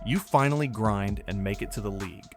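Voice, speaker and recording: A man giving steady, scripted narration for a sports video. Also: lowish voice, a little fast, over music.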